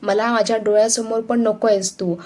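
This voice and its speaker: A woman's voice: on the high side, flat delivery, moderate pace, dark tone, lightly acted. A woman reading a hot-tempered young wife. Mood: angry.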